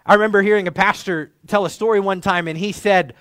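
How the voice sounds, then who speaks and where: A man's voice: high voice, steady tone, fast, a bit bright, no echo, clean studio sound. A man preaching a sermon in an earnest, conversational way, like a pastor explaining scripture to his congregation.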